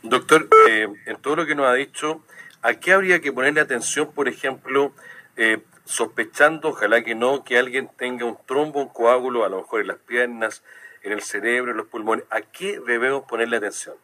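A man's voice: mid-range voice, normal speed, pushed and bright. A man hosting a radio interview, asking hesitant questions with many "eh" fillers and reading out listeners' questions. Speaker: radio host.

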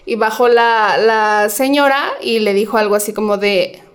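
A young adult woman with a Mexican accent, chatting casually with friends, telling stories in an animated, slangy way with plenty of laughter. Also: medium pitch, moderate pace, faint music behind. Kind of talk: casual chat among friends.

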